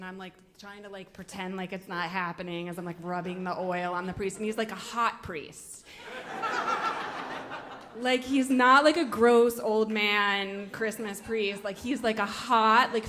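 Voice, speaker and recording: A woman telling a personal story to an audience, animated and full of "like", acting out her own thoughts. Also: mid-range voice. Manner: animated, filler-heavy "like", acts out her own inner thoughts.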